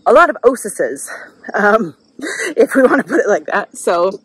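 Midwestern mom vlogger, 30s, upbeat and self-deprecating, handheld outdoor garden tour. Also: female voice, medium pitch, sing-song, measured pace, slightly rough, rough recording. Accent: Midwestern American. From Wisconsin. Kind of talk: casual chat while gardening. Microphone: handheld camera.

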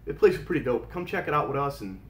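A man in his forties, an urban explorer vlogger, talking casually to camera in a big old mill room, relaxed and hesitant, often repeating words. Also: mid-range voice, fast. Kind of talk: casual vlog talk to camera. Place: indoors in a large old mill room by pipes. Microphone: camera at table distance.

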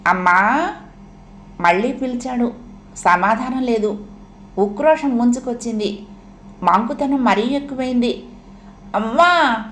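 A woman reading a story aloud in a gentle, unhurried storytelling manner. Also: on the high side, slight background noise. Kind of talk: audiobook story narration.

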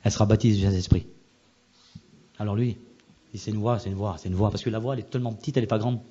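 A man, a pastor, telling a personal testimony in a sermon, repetitive and emphatic, moving between hushed and loud passages. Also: fairly low pitch, steady tone, racing, breathy edge, dull audio.

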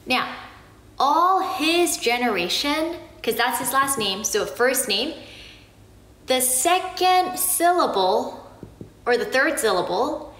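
A woman from Korea explaining something slowly and patiently, often checking in with "okay?". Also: high-pitched, animated, fairly bright tone, reverberant, rough recording. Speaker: family vlogger explaining Korean naming. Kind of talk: casual explanatory talk to camera.

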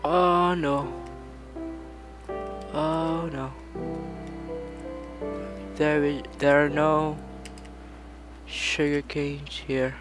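A man casually commenting on his own gameplay, rambling along and breaking into sudden excited outbursts. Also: on the high side. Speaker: gaming channel host.

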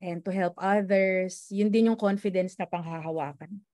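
A woman's voice: medium pitch, fairly even intonation, normal speed, mellow, dry recording. A woman with a Filipino accent, a prayer group member earnestly sharing a testimony on a video call. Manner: earnest, mixing in English, with restarts.

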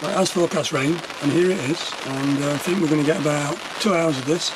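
Man, skipper and vlogger, matter-of-fact; high-pitched voice, outdoor wind noise. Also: quick pace. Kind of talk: casual chat. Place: on a sailboat at sea, outdoors.

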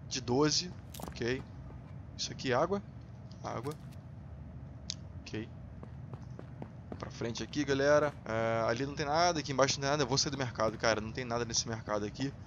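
A Brazilian man hosting a gaming channel, commenting on gameplay in casual, excitable chat and swearing freely at the viewers. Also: mid-range voice, muffled recording, noisy background. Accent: Brazilian Portuguese.

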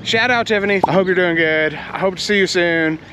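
A man's voice: sits high, fairly quick, bright, forceful tone, a little hiss or hum. A man narrating his thrift shopping in a casual vlog, rambling and joking as he addresses viewers as friends. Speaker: thrift reseller vlogger.

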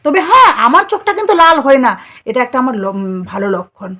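A woman's voice: high voice, sing-song, quick pace, sharp tone. A woman vlogger, delivering scolding, mocking commentary full of rhetorical questions. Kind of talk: commentary vlog.

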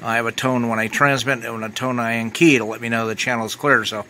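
A medium-pitched American man talks quickly with fairly even intonation, casually reviewing a product in a matter-of-fact way as an amateur radio hobbyist. It's a bright recording with clear background noise.

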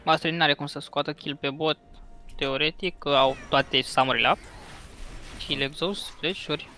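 A man's voice: a little high, fairly even intonation, sharp tone. A man explaining his gameplay plainly as a guest player. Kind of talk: casual gaming commentary.

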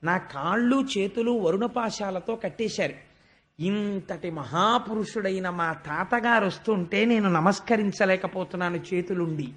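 High-pitched man, Telugu accent, devotional storyteller who recites verse and voices the characters. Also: measured pace, fairly bright tone. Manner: recites verses then explains them, voices characters' pleas. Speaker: religious discourse speaker.

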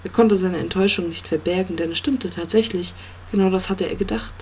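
A narrator reading an audiobook in a slow, measured way. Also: medium pitch, a little hiss or hum.

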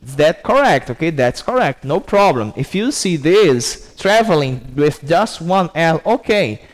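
A man's voice: fairly high pitch, sing-song, takes it slowly. A man with a Brazilian accent, an English teacher giving a recorded class lesson, explaining step by step and checking in with frequent "ok?".

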